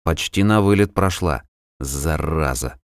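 A man playing a gruff, weary middle-aged herbalist who gives curt orders, in an audiobook. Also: extremely low pitch, a little slow, dry recording, clean studio sound.

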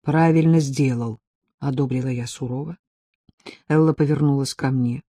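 A woman narrating a first-person audiobook in a measured, wry, intimate storytelling manner. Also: extremely low pitch, steady tone, dark tone, slightly rough, dry recording, clean studio sound.

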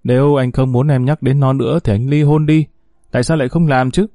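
A man's voice: mid-range voice, fairly even intonation, fairly quick, no room sound, studio quality, natural voice. A man voicing a scheming, pregnant young woman who pleads and whines in an audiobook story. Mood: demanding. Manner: whiny, pleading, sharp when crossed. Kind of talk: audiobook character voice.

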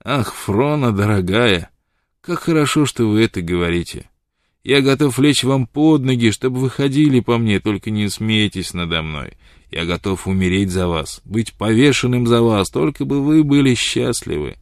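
Storybook figure: loud blunt old woodsman, read by a man, dry close sound. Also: mid-range voice, moderate pace, no echo, close to an everyday voice. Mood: devoted. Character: gruff old frontiersman, blunt and devoted.

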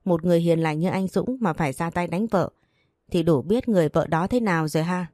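A woman voicing a spoiled, sharp-tongued young sister-in-law in an audio story, mocking and boastful. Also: fairly low pitch, brisk, no room sound, clean studio sound, close to an everyday voice. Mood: scornful.

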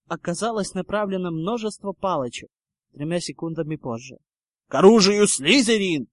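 A man narrating a story in a lively, dramatic audiobook reading. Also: on the high side, no room sound, clean studio sound. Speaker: reader.

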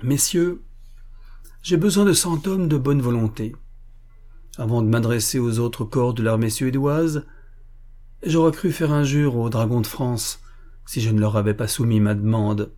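A man's voice: medium pitch, unhurried, pauses often, mellow, lightly acted. A man voicing a young captain of dragoons, speaking formally and earnestly to his men.

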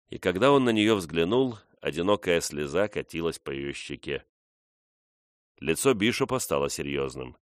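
Male audiobook narrator, low voice, steady even delivery. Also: no room sound, clean studio sound. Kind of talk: scripted narration.

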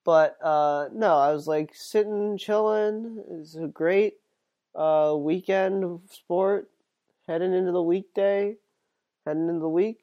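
A podcast host, sick and sniffly, talks casually on his own sports podcast, rambling with plenty of fillers and restarts. His voice sits high and moves at a slow pace, and the audio sounds dull.

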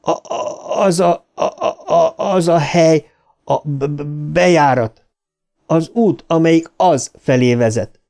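A man voicing a determined boy gang leader who stutters heavily and shouts urgently. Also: fairly high pitch, gravelly, pitched above the performer's own voice. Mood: insistent.

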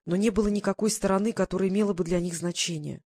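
A calm narrator reading a Russian novel aloud in scripted narration. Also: medium pitch, quick pace. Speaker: audiobook narrator.

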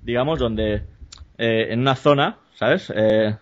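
Un hombre con acento de España que cuenta una anécdota en tono de charla informal, divagando, corrigiéndose a sí mismo y soltando tacos. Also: male voice, mid-range voice, slow pace, no room sound. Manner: rambling, self-correcting, jokey and crude. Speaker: podcast host telling an anecdote. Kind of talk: casual storytelling chat. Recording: dull, dry lo-fi podcast audio.

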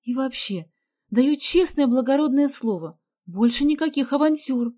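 A woman voicing an eager, warm-hearted young girl in an audiobook. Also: high voice, lively intonation, normal speed, pitched above the performer's own voice. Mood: earnest.

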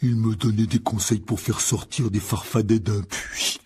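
A man voicing a big, gruff gamekeeper who talks slowly and loudly in a storybook reading. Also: on the low side, fairly even intonation, slight background noise, natural voice. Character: loud, slow-talking giant gamekeeper man.

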